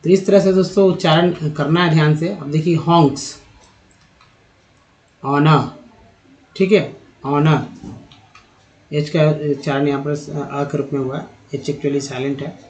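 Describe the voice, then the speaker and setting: A man's voice: fairly high pitch, level tone, brisk, darkish tone, rough recording. A man with a Hindi accent teaching English reading online, reading word lists aloud one word at a time with short pronunciation notes. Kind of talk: online phonics lesson.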